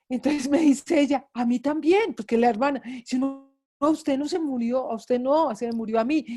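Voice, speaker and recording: A middle-aged woman from Antioquia, Colombia, speaks with an Antioquian Colombian Spanish accent in a rather high, warm voice. She is a grief psychologist sharing her own story with a class as personal testimony in a lecture, emotional and repeating words for emphasis.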